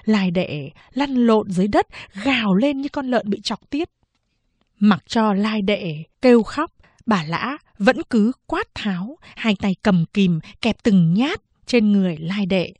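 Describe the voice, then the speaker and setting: A woman reading a novel aloud in slow, measured audiobook narration. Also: medium pitch, lively intonation, a little mellow, no room sound.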